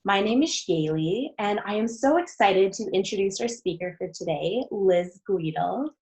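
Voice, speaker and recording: A young woman opens the session in an earnest, eager tone. Her mid-pitched voice carries a strong vocal fry as she introduces the guest. The talk is formal and well prepared. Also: expressive, normal speed, darkish tone, poor audio. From Canada. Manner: earnest and enthusiastic. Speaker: host introducing a guest speaker.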